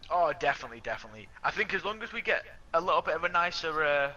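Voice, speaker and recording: A man's voice: on the high side, very animated, racing, bright, forceful tone, lo-fi sound, faint music behind. A young man co-hosting a racing game video, easygoing and agreeable, laughing often. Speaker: co-op gaming partner. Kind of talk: casual racing game commentary.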